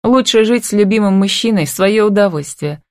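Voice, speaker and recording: A young heroine in love speaks with lively, exclaiming emotion, voiced by a woman reading an audiobook. The recording is dry and close, with no room sound. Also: mid-range voice, brisk, no room sound, pitched above the performer's own voice, lightly acted.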